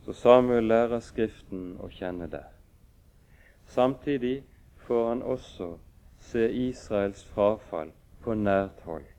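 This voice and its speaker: A man preaching a sermon and reading scripture aloud in a measured, solemn way with pauses. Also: fairly low pitch, darkish tone, smooth. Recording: dull lo-fi recording.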